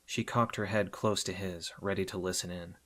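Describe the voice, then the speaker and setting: A man with a fairly low voice narrates an adventure audiobook in a measured way. He softens toward the ends of his phrases. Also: fairly even intonation.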